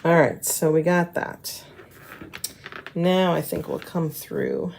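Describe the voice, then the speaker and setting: A lowish-voiced woman gives a casual craft tutorial with a very creaky tone. Her S sounds are slushy and slurred. She chats to viewers and mutters to herself as she works, with some noise behind her. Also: flat delivery, slow, darkish tone. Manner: chatty, mutters to herself and to the materials while working.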